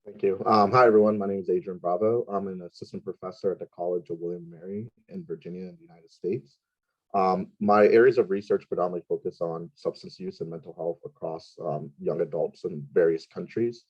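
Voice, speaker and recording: Man, low husky voice, fast academic talk, dull lo-fi call audio. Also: steady tone, a little mellow. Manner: brisk, academic. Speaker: panelist, professor. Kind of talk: panel introduction. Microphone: video call.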